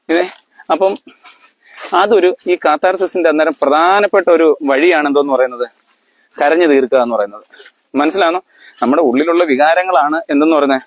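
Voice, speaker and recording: A man's voice: a little high, dull audio. A man explaining things to his family in a lecture-like way, often stopping to ask if they understand. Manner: quizzes listeners, keeps asking if they understand; halting, with fillers and restarts.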